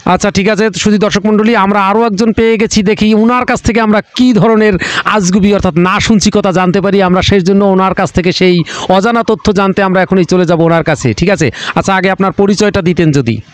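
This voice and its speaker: A stiffly formal game show host, played by a man, announcing contestants in rehearsed, repetitive phrases. His voice is high for a man and recorded dry and close, with no room sound. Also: fairly quick, no echo, natural voice. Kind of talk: mock game show hosting.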